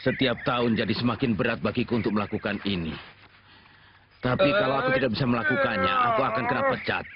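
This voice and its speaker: A man's voice: medium pitch, very animated, quick pace, a loud crowd, natural voice. A man voicing a dutiful, easily flustered middle-aged gatekeeper in an amateur anime fan dub, speaking politely and hesitantly. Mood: explaining. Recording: lo-fi with background music.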